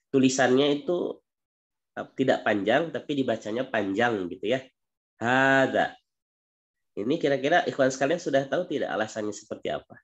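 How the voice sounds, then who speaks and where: A man's voice: medium pitch, dull audio. A man teaching an online Arabic reading class, explaining patiently and repeating examples.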